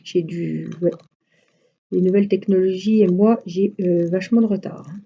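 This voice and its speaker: Dark-voiced woman chatting casually. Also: on the low side, fairly even intonation, moderate pace, vocal fry, breathy edge, dull audio. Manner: chatty, rambling anecdotes. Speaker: craft live-stream host. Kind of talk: casual chat on a live stream.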